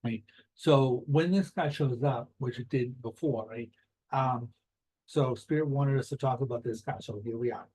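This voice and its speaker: A man's voice: medium pitch, normal speed, darkish tone, slight background noise, low-quality recording. A middle-aged man giving a tarot reading for a star sign in casual, conversational talk, often tagging his phrases with "right?". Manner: conversational, keeps adding "right?" after phrases. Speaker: tarot reader.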